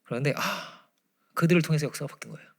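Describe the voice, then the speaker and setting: A man preaching a Friday prayer-meeting sermon, swinging from loud emphasis to hushed near-whispers. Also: a little high, expressive, quick pace, gravelly. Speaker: pastor. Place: church.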